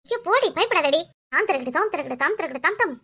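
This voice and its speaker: A woman voicing a bossy, devout village woman in a cartoon comedy, with a shrill scolding manner and a Kanyakumari Tamil accent. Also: quick pace, sharp tone, full character voice. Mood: possessed, commanding.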